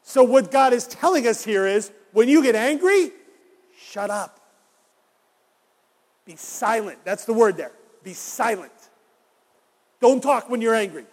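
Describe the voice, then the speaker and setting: A man with a notably high voice preaches a sermon, his words ringing out with a long reverb in a large church hall. He talks to the congregation in a conversational way and keeps asking them rhetorical questions. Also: lively intonation, moderate pace. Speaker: pastor.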